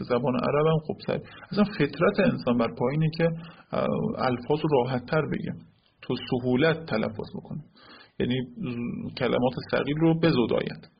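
A man's voice: medium pitch, gravelly. A man teaching a classroom lecture, explaining step by step and often checking whether his listeners follow. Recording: lo-fi recording with faint noise.

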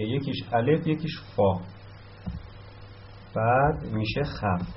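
A man teaching an Arabic grammar lesson, explaining each step and repeating word forms slowly. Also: medium pitch. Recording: dull lo-fi sound with faint noise.

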